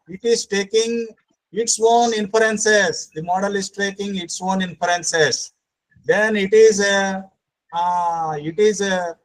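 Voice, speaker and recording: Higher-pitched Indian-accented man, emphatic lecturer. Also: low-quality recording. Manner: emphatic, repetitive, frequently says sir. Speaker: speaker at a faculty training session. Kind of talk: explanatory online lecture and Q&A. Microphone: online call microphone.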